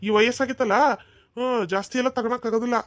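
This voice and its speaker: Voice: mid-range voice, fairly even intonation, quick pace, fairly bright tone, no echo, close to an everyday voice. A performer voicing an older, jovial, teasing village headman in a cartoon, with a North Karnataka Kannada accent. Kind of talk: cartoon voice acting.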